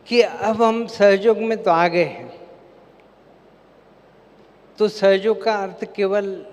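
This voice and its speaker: A man giving a devotional seminar talk to a live gathering. He poses questions to the crowd and then answers them himself. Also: high voice. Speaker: spiritual seminar speaker. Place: large hall with an audience. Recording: long hall reverb, faint background noise.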